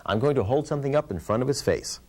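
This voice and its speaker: A man's voice: medium pitch, animated, fast talker, a little mellow. A man hosting a puppet show as the ventriloquist straight man, asking questions in a patient, instructive way. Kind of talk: scripted puppet show patter.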